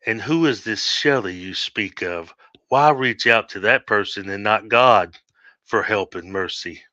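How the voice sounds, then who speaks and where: A man voicing a sinister male demonic entity, speaking quietly, low and measured, on a dull lo-fi recording. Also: no room sound. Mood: menacing calm.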